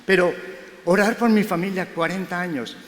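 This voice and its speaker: A man's voice: high-pitched, fairly even intonation, moderate pace. A middle-aged man preaching a Sunday sermon in a conversational way, acting out quoted dialogue. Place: church hall. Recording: echoey hall with long reverb.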